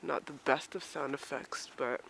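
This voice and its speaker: A vlogger from Maryland, USA, talks casually to her handheld camera while walking a snowy street outdoors, rambling, poking fun at herself and a little out of breath. Her voice is a rumbling low with vocal fry, a little slow and a bit bright, with a little hiss or hum.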